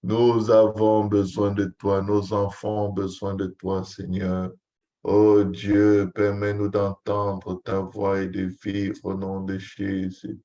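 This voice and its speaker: Leading an impassioned Pentecostal prayer, a pastor repeats his pleading invocations in a chant-like way, his lowish, dark and mellow voice slow and fairly flat. The audio is somewhat dull and lo-fi.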